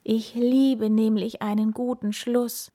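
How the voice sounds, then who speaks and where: A woman's voice: on the high side, level tone, slow pace, warm tone, voice pushed up. A woman voicing an anxious little hedgehog in a read-aloud storybook, speaking in a fretful way.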